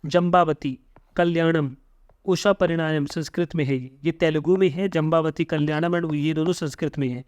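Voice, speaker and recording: A young man teaching an exam-prep history lesson, reading notes slowly, then explaining them quickly and stumbling over hard names. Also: a little high, steady tone, darkish tone, smooth, dry recording. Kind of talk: lecture reading notes aloud, explaining in mixed Hindi and English.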